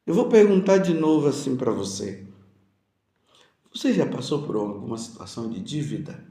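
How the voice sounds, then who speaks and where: Brief: priest, homily, gravelly voice, lively pitch, asks the congregation questions. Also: male voice, moderate pace, echoey room. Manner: preaching with rhetorical questions, addressing listeners directly.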